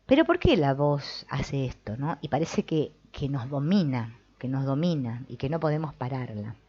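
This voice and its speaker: A woman with a rumbling low, darkish, slightly rough voice hosts a live-streamed book reading and discussion, speaking at a moderate pace with lively intonation. She talks it through conversationally, often checking in with listeners through tag questions. The recording is muffled.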